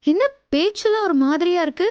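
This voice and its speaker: Scolding suspicious wife, high voice, kinda dull muffled sound. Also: female voice, brisk, no room sound. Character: sharp-tongued, suspicious wife. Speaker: actress in a TV serial. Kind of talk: TV serial acting.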